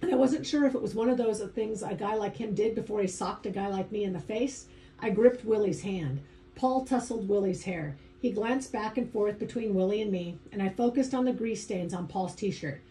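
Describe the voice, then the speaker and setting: A woman's voice: mid-range voice, normal speed, dark tone, low-quality recording. A woman narrating a first-person audiobook in a conversational, wry inner-monologue manner.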